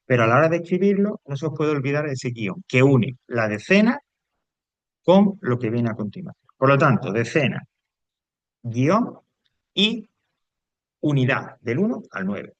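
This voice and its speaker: A man gives a recorded lesson, walking his students through each point one step at a time. He sits at a medium pitch and often stops to check that they are following. The sound is dry and close, with no room echo. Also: sing-song, a little slow, pauses often, dull audio. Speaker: English teacher.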